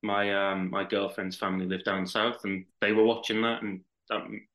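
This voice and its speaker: A man's voice: on the low side, flat delivery, normal speed, fairly bright tone, low-quality recording. A man from Liverpool with a Liverpool accent, chatting as a podcast guest and rambling with many restarts. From Liverpool, England. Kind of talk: casual chat.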